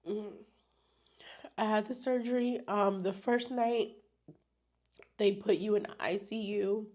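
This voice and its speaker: A young adult woman vlogger telling a personal story to camera, emotional and halting, with many fillers. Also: mid-range voice, fairly even intonation, darkish tone.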